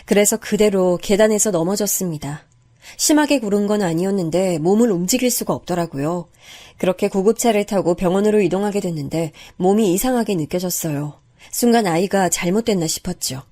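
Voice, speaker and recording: Mellow woman narrating a story. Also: lowish voice. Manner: calm, confiding, even-paced. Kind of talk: first-person story narration.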